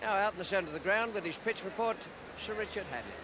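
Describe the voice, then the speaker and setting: A man's voice: high voice, fast talker. A man presenting and commentating on live cricket for a broadcast. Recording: very noisy outdoor stadium broadcast.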